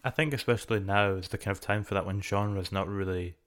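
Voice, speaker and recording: A man's voice: low voice, steady tone, quick pace. A man interviewing a musician in a casual, curious way, asking follow-up questions.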